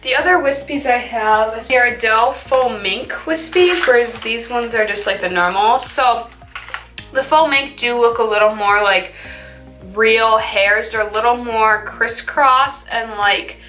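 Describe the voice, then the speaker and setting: A woman's voice: a little high, unhurried, bright, forceful tone. A teenage girl chatting casually through a makeup routine as a beauty vlogger, saying "like" often and trailing off mid-thought. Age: teens. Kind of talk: casual makeup tutorial chat. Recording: echoey room with faint music.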